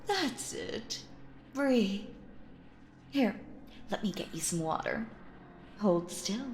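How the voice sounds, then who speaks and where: In an intimate audio roleplay, a woman plays a sinister, possessive stage magician, theatrically cooing endearments and drifting into breathy, menacing whispers. Her mid-range voice is expressive and slow, with a tender, coaxing mood. The sound is roomy, with a little hiss or hum.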